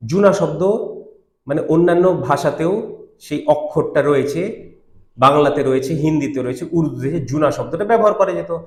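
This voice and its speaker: A man teaching a Quran commentary lecture, arguing his points emphatically and asking rhetorical questions. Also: a little high. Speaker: Islamic teacher. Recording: roomy echo.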